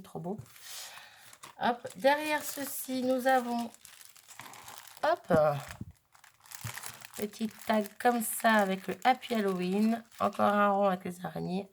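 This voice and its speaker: A woman's voice: medium pitch, gravelly, slight background noise. A woman chatting casually while unboxing crafts, thinking aloud with lots of fillers. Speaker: crafting vlogger.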